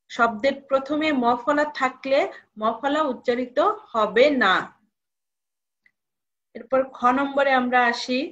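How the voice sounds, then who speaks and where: Woman lecturer going slow over each rule, repeats stuff, kinda muffled lo-fi audio. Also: sits high, a bit bright. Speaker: college lecturer. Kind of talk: recorded online lesson.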